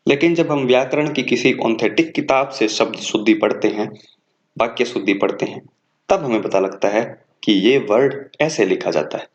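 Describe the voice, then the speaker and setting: A man's voice: mid-range voice, normal speed, lo-fi sound. A man teaching an exam-prep class, reading out words one at a time and correcting the wrong forms. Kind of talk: exam coaching lecture.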